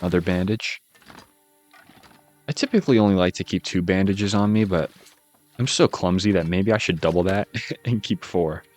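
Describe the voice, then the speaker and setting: A man with a Boston accent giving relaxed, casual commentary as he plays a game, musing aloud and chuckling at himself. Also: sits low, normal speed, pauses often, soft background music. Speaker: gaming channel host.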